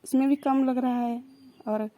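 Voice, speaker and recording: A woman's voice: sits high, fairly even intonation, dark tone, dry recording. A young woman teaching an exam-prep lesson, patiently repeating and sounding out each consonant. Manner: repeats and spells out sounds slowly, explaining patiently.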